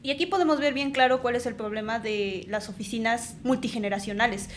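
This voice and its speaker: A woman in her twenties with a Mexican accent, co-hosting a podcast in animated, reflective casual chat. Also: a little high, a little fast, a little hiss or hum. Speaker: podcast co-host.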